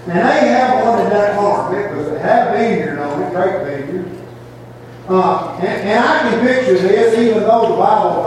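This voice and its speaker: A man's voice: sits high, a little mellow. A man preaching a sermon in a folksy storytelling way, repeating phrases for emphasis. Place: large reverberant church room. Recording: echoey hall, distant mic, faint noise.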